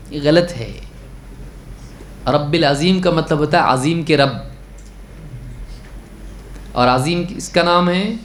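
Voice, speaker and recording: Stern religious teacher in an echoey room. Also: male voice, fairly high pitch, a little hiss or hum. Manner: recites Arabic text, then explains it; asks the listeners questions, then answers them. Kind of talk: religious lesson on prayer.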